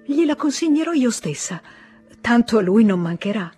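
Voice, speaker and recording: A woman's voice: fairly high pitch, very animated, moderate pace, mellow, breathy edge, soft background music, pitched above the performer's own voice. A woman reading aloud, voicing a coy, hesitant young woman who wavers as she speaks.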